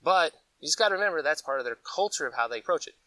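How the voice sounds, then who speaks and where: Rapid-fire and a little high in pitch, this Coloradan vlog host of a preparedness gear channel chats in a casual, rambling way. He tells folksy, animated stories full of acted-out asides, recorded with no echo and far from the microphone.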